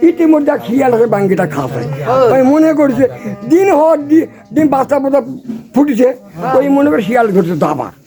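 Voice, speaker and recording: A man's voice: extremely high pitch, sing-song, fairly quick. An older man tells a folk tale in a rambling, repetitive grandpa manner. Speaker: folk storyteller. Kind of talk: animated oral folk tale telling. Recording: music playing behind the voice. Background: music.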